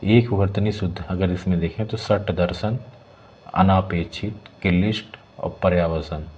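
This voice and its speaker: A low-voiced man walks through exam questions as a tutor, repeating each corrected word slowly. The recording is dull and lo-fi, with a faint hiss underneath. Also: fairly even intonation, a little mellow. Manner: repeats words slowly, adds "ठीक है" checks. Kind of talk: explaining exam questions, partly reading options.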